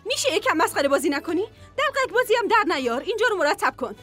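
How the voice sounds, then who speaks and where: A woman dubbing a quick-tempered wife scolding her husband in a TV drama. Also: extremely high pitch, big pitch swings, fairly bright tone, faint music behind, full character voice. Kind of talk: Persian dub of a TV drama.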